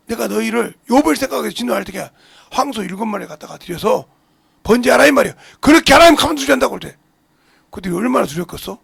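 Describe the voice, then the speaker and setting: A pastor preaching a sermon with passion, swinging between shouts and low mutters and firing rhetorical questions at the congregation. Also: male voice, creaky, husky, no echo, clean studio sound.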